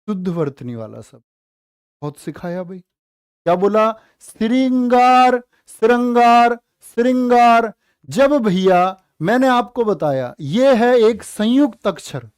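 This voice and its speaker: Male tutor for a live class, high voice, unhurried, playful and teasing. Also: a little mellow, dry recording, studio quality. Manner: playful, teasing, drawn-out spelling of words. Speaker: Hindi teacher. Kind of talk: live online exam-prep class.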